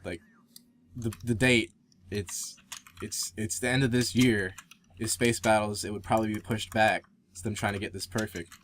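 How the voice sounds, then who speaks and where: Young man, low voice, podcast co-host, rambling, excitable, casual chat. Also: normal speed, slight background noise. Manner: rambling, many fillers and restarts, excitable.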